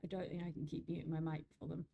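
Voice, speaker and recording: A woman's voice: sits low, flat delivery, very fast, creaky, phone-quality sound. A woman streamer reading game lore aloud and chatting casually with her viewers, joking and laughing often.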